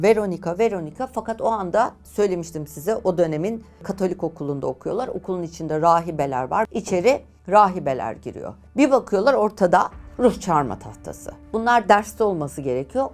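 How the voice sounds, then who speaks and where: Lively woman telling a true-crime story. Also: on the low side. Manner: lively, expressive retelling with dramatic pauses. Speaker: journalist and storyteller host.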